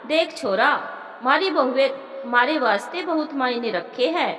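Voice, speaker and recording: A woman voicing a stern, sharp-tongued old village mother-in-law with a Rajasthani accent, in a storybook narration. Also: high voice, animated, a little slow. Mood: scolding. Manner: scolding, blunt village dialect. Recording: roomy with long reverb.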